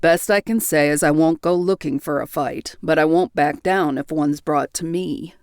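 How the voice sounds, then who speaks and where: A woman voicing a stoic, possessive grown man who speaks in a low, husky, terse murmur. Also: normal speed, a little mellow, no room sound, studio quality, natural voice. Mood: stubborn. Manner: terse, insistent lines.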